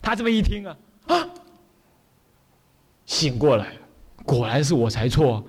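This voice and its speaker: A man's voice: a little high, very animated, measured pace, husky. A man with a Taiwanese Mandarin accent, a Buddhist abbot telling stories in a sermon, acting out the characters and often asking the audience to agree. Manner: acts out characters' voices while telling stories. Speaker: Buddhist abbot giving a dharma talk. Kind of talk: storytelling sermon.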